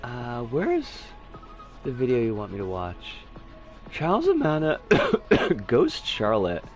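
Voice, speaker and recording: A man's voice: mid-range voice, wildly swooping pitch, takes it slowly, highs cut off, soft background music. A man chatting casually as a game streamer, with a sardonic, rambling, sweary manner. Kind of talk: casual livestream chat and commentary.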